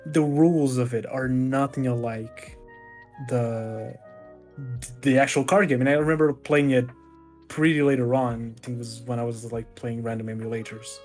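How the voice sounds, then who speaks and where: A man's voice: medium pitch, steady tone, moderate pace, darkish tone, faint music behind. A man co-hosting a casual podcast, speaking hesitantly with many fillers and frequent laughs. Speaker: podcast co-host. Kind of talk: casual chat.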